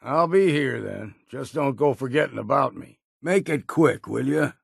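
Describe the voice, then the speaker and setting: Old Longfellow, gravelly grizzled hunter. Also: male voice, medium pitch, expressive, normal speed, no room sound, studio quality, full character voice. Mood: easygoing, obliging. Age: older. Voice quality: gravelly, husky. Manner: folksy, drawling old-timer phrasing. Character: grizzled old hunter, folksy, wary, gruffly good-humored. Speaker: video game companion character. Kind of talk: scripted game voice lines.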